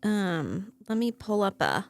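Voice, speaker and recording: A woman's voice: medium pitch, big pitch swings, creaky. A woman in her thirties co-hosting a podcast in casual chat, playful and teasing. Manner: playful, teasing, quick to laugh. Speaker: podcast co-host.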